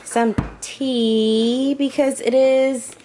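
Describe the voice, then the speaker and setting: A vlogger talks casually through her meal prep in a home kitchen, chatty, a little hesitant, and often correcting herself. Her voice is high-pitched, steady, and mellow, and she speaks very slowly. There is slight background noise.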